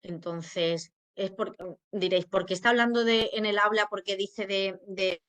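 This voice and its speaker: A woman's voice: mid-range voice, fairly even intonation, measured pace, a bit bright. A woman speech therapist with a Spain Spanish accent gives an informal educational talk. She explains patiently, with many fillers and frequent checks that listeners follow.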